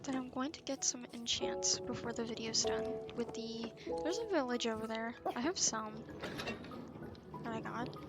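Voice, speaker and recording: A young adult video creator with a highish voice chats about the game she's playing at normal speed. The talk is relaxed, rambling and self-effacing, and background music plays throughout.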